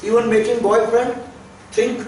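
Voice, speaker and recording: A man's voice: very high-pitched, little pitch movement, normal speed, darkish tone. A man teaching a therapy class, in plain with chuckling asides. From India. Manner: plain non-native English, chuckling asides. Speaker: therapy trainer. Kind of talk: classroom lecture. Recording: echoey hall, distant mic, faint noise.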